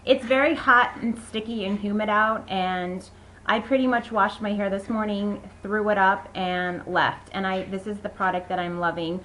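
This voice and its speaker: A woman's voice: medium pitch, steady tone, normal speed, a bit bright, slight background noise, poor audio. A young woman chatting casually and enthusiastically as she reviews beauty products, rambling a little with fillers. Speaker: beauty vlogger.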